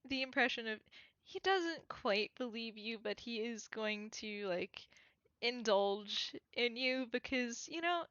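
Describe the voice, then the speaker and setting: Brief: woman player describing her character, slow and halting, bright higher voice, dull dry mic. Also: lively intonation, dry recording. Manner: rambling, lots of fillers, laughs often. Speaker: player in a tabletop game. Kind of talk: casual role-play narration.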